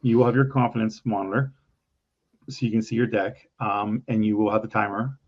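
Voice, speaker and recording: A man who runs a pitch competition, chatting casually with enthusiastic, salesy energy. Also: steady tone, a little fast, muffled recording. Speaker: event organizer. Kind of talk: casual conversation.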